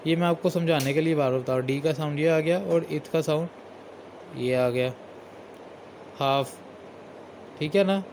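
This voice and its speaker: A man's voice: on the high side, normal speed, long pauses, a little mellow, slight background noise. A man teaching shorthand strokes step by step as he writes, patiently repeating each one aloud. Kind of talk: step-by-step lesson while writing.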